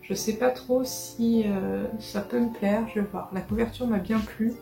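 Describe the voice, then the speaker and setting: A woman's voice: on the high side, steady tone, a little slow, vocal fry, echoey room, over music. A woman casually chatting through a book haul, hesitant, with many fillers and restarts. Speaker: book vlogger.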